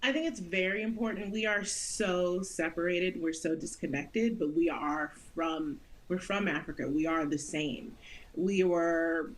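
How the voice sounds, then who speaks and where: A woman in her thirties from the United States, an actress appearing as a guest, speaks earnestly in an interview conversation and laughs often. Her voice sits on the low side and she takes her time. The audio quality is poor.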